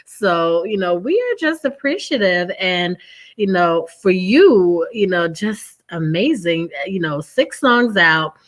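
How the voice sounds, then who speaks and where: A woman's voice: on the low side, expressive, takes it slowly. A woman hosting an interview, talking in an effusive way, full of fillers and praise. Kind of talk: interview conversation.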